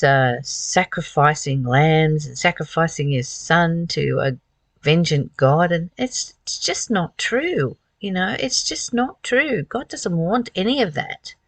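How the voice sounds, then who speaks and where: In a dry recording, a host with a medium-pitched voice reads from a spiritual book and comments on it, earnest and emphatic, repeating phrases and posing rhetorical questions.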